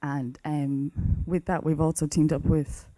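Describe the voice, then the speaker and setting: A woman's voice: deep voice, level tone, unhurried, warm tone, no room sound, rough recording. A woman with a west of Ireland accent speaking up from the floor at a conference in a nervous, hesitant manner. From Galway, west of Ireland. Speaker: arts facilitator and teacher.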